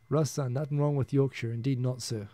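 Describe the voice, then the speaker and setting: On a casual solo live stream, a New Zealand man in his thirties reads viewer comments, rambling, chuckling, and frequently starting over. His medium-pitched voice is warm, unhurried, and fairly even in intonation, with no echo.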